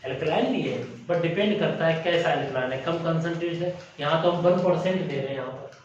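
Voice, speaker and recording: A man's voice: fairly high pitch, a little hiss or hum. Man teaching chemistry, echoey classroom. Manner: quizzes students with quick questions. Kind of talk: classroom lecture. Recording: echoey muffled room from far off.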